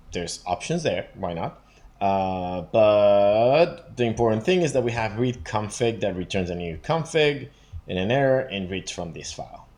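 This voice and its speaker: A man's voice: lowish voice, a little mellow. A man hosting a programming show, casually walking through a code review and thinking aloud with plenty of fillers.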